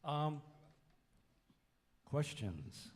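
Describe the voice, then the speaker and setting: At a college Q&A in a reverberant music hall, a Wisconsin music teacher and band drummer talks casually and warmly, using lots of fillers. His voice is fairly high with big pitch swings, and he speaks extremely slowly.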